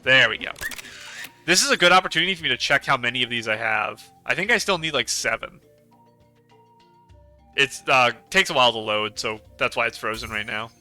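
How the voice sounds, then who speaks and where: A man's voice: mid-range voice, lively intonation, fairly quick, long pauses, sharp tone, faint music behind. A man hosting a let's play, chatting casually and rambling about the game. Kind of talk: casual gameplay commentary.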